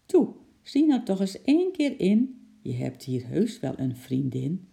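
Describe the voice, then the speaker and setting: Reader doing a sweet little zoo girl, high and coaxing, bit of gravel under it. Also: wildly swooping pitch, measured pace, warm tone, full character voice. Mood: sing-song. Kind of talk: storybook reading.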